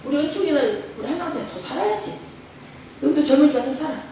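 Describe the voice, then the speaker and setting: A middle-aged woman pastor preaching a sermon in a church, lively, laughing often and leading call-and-response. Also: high voice, racing, slight background noise. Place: church sanctuary. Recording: echoey church hall from far off.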